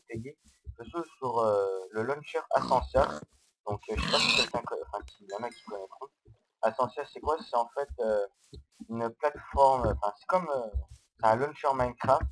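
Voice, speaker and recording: A man giving casual, hesitant gameplay commentary, explaining step by step on a low-quality microphone. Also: slight background noise. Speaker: Minecraft let's-player.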